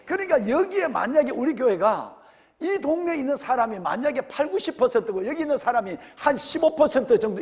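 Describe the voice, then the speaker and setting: A man's voice: very high-pitched, in a large hall. A male senior pastor with a Gyeongsang accent, preaching a sermon and firing rhetorical questions at his congregation. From Gyeongsang region, Korea. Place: church sanctuary.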